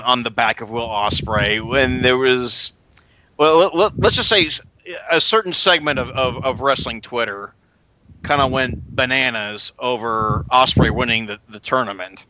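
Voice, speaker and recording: A man co-hosting a casual podcast chat, talking in halting bursts full of stammers and restarts. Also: medium pitch, sharp tone, no echo, low-quality recording. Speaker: podcast co-host.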